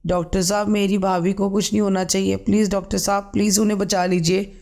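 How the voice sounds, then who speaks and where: Casting: man doing a caring young daughter, earnest and high-voiced, storybook. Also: level tone, brisk, gravelly, darkish tone. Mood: urgent. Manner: earnest, pleading. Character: caring young married daughter, warm and urgent.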